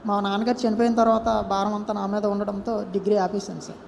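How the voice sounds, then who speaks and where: A young man speaks fast and politely in a gravelly voice. Reverb and faint ambience can be heard behind him. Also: high-pitched, flat delivery, a little mellow, a little hiss or hum. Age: young adult. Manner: quick, polite, answers with sir.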